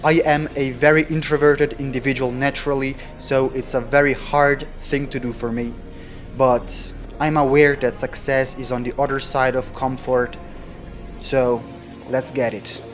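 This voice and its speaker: Non-native in English, with Italian or German as his stronger language, a vlogger practicing sales cold calls talks casually and candidly. His mid-range voice is flat and measured in pace, with faint music behind.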